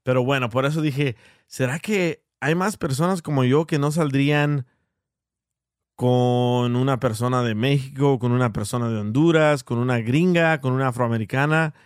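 A man's voice: medium pitch, moderate pace, clean tone, no room sound, studio quality. A man hosting a casual call-in show, greeting listeners by name and laughing often. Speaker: radio show host.

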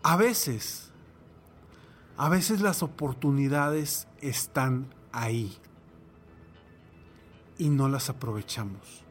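A man's voice: medium pitch, extremely slow, pauses often, faint music behind. A man giving a reflective motivational talk, telling a personal anecdote and a parable and asking the listener rhetorical questions. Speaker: motivational speaker.

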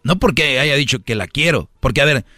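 A man's voice: medium pitch, lively intonation, fairly quick, sharp tone, no echo, clean studio sound. A man hosting a radio comedy show, giving rambling, slangy relationship advice straight to his listeners.

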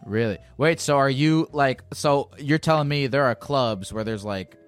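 A podcast host with a medium-pitched voice chats casually with a caller at a moderate pace, faint music playing behind him. He's blunt and teasing, swears freely, and hesitates with lots of fillers.

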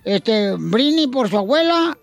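A man's voice: extremely high pitch, big pitch swings, unhurried, gravelly, no room sound. A man telling jokes and bantering on a radio comedy show, rambling and full of fillers.

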